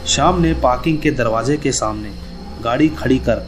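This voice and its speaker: A man narrating a scripted horror story in a steady, even storytelling manner. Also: mid-range voice, moderate pace. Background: faint background music.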